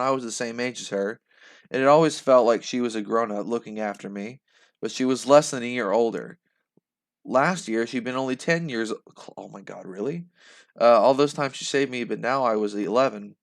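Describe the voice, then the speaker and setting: Young male reader, animated, laughs between lines, live reaction. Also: mid-range voice, brisk, gravelly. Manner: animated, laughs and breaks off mid-sentence. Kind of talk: reading aloud with reactions.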